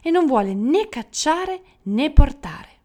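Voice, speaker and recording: A woman's voice: high-pitched, big pitch swings, takes it slowly, darkish tone, voice pushed up, heavily acted. A woman voicing an eager male hunting dog in a storybook reading. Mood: coaxing.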